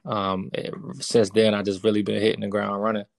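A guest on an interview, this real estate investor in his thirties speaks low and gravelly with a flat, even delivery at a fairly quick pace. He's relaxed and casual, full of fillers and restarts, and the audio is dry and close.

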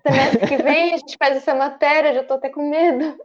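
A woman's voice: high voice, fairly even intonation, brisk. A woman, a student co-host, asking curious follow-up questions in casual chat. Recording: slightly dull lo-fi sound.

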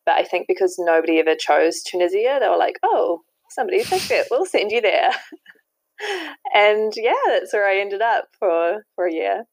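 A woman's voice: medium pitch, moderate pace, vocal fry, dry recording, rough recording. A woman, a guest chatting casually and laughing often. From New Zealand. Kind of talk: casual interview chat.

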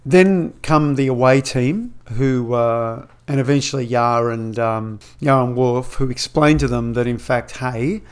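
A man's voice: medium pitch, a little slow, hardly any pauses, clean tone. A man co-hosting a podcast, casually recapping a TV episode and often stumbling over and repeating his words. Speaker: podcast co-host.

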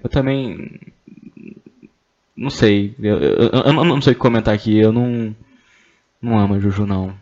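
A man's voice: lowish voice, moderate pace, long pauses, darkish tone, dull audio. A young man, reading questions aloud and joking, stammering and swearing as he goes. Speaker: streamer reading anonymous questions. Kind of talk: casual chat.

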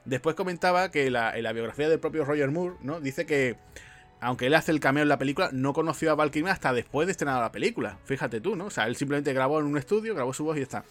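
Guy hosting a film podcast, rambly storyteller, soft music behind. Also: a little high, expressive, fast. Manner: chatty storyteller, frequent fillers and asides. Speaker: podcast host. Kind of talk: casual film podcast chat.

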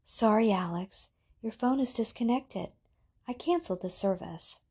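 A woman voicing a soft, seductive computer. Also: on the high side, a little slow, husky, voice pushed up. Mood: calm, controlling. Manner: soft, ethereal, coaxing.

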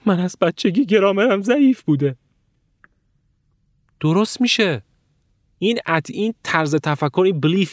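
Animated male language teacher. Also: fairly high pitch, dry recording, clean studio sound. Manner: animated, lively, with emphatic rising pushes. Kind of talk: spoken online course lesson.

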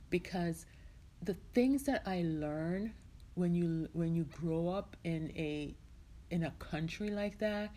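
Woman host from Jamaica, middle-aged, casual rambling podcast chat, slightly low voice. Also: warm tone, slight background noise. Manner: chatty, rambling, heartfelt, many "you know"s.

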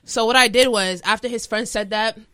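A woman's voice: a little high, steady tone, a little fast, a bit bright, smooth, dry recording, studio quality. A woman co-hosting a casual chat, telling a story in playful bursts of emphasis.

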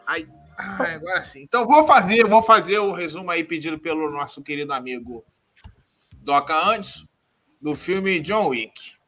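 A high-voiced Brazilian man tears through a comic movie recap, rambling and swearing as he goes. His tone is piercingly bright and tense, and he bursts into shouted gunshot noises. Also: moderate pace. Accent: Brazilian Portuguese. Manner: rambling, profane storyteller who shouts sound effects. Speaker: podcast co-host.

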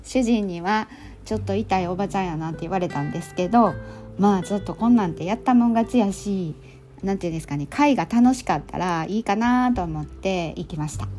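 A middle-aged woman with a Kansai accent recounting her recent events in an easygoing monologue. Her voice is warm and mellow, her talk full of little fillers and relaxed turns of phrase, and soft music plays faintly behind her. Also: medium pitch, brisk. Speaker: storytelling volunteer and podcast host. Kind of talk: casual monologue recap.

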